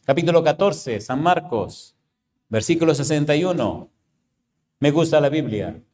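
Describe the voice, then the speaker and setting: A male pastor preaching a sermon, hammering his congregation with repeated rhetorical questions and swinging between loud, high outbursts and slow, low statements. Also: lively intonation.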